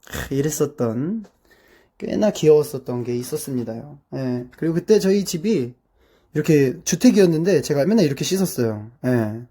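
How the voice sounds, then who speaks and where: A young man from South Korea chatting casually through his childhood photos, with lots of drawn-out filler words and amused asides. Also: fairly high pitch, expressive, mellow, husky. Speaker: streamer.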